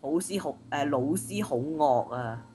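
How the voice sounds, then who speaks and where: A young woman with a low voice and very lively intonation speaks with a Hong Kong Cantonese accent. She is the informal, playful partner in a casual challenge video. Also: a little slow, faint music behind. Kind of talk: casual chat, reading out challenge phrases.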